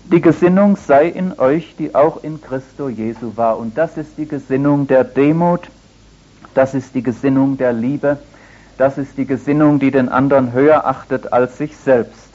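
A man's voice: medium pitch, normal speed. An older man delivers a sermon with an easy, storytelling manner and a dry touch of humor. His voice sits in an ordinary middle register. The sound is dull and lo-fi, like an old radio broadcast. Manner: conversational, anecdotal preaching with gentle humor. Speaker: preacher.

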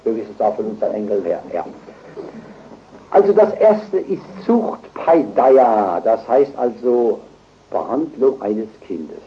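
An older man preaching a sermon emphatically, swinging between loud stresses and low asides. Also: very animated, unhurried, slight background noise. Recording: dull lo-fi recording.

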